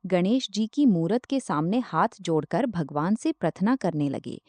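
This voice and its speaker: A woman's voice: on the low side, lively intonation, normal speed, warm tone, no room sound. A woman storyteller narrating a novel, reading every part herself and tagging each speaker by name.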